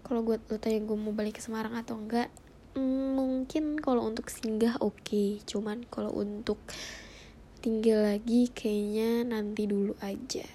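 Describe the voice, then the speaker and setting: A woman in her twenties with a blocked-nose voice, talking casually and reflectively in informal slang with hesitant pauses. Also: a little high, steady tone, dark tone, slight background noise. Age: 20s. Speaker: personal podcaster.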